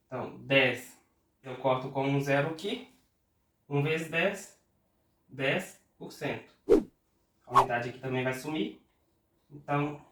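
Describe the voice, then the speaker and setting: Congested with a cold, a Brazilian man who tutors math walks through an exam problem one step at a time, slowly and patiently talking out the arithmetic. His nasal voice is on the high side and a bit bright, picked up by a distant mic in a roomy space with a little hiss or hum.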